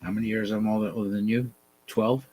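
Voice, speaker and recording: Deep-voiced man in his fifties. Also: steady tone, fast, mellow, soft background music, poor audio. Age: 50s. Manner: profane, laid-back. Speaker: livestream host. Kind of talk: casual chat.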